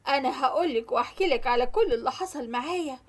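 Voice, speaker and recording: A woman's voice: high-pitched, fast. A woman with an Egyptian accent voicing a young woman who pleads and begs. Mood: pleading. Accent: Egyptian Arabic. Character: young woman, lovesick then frightened.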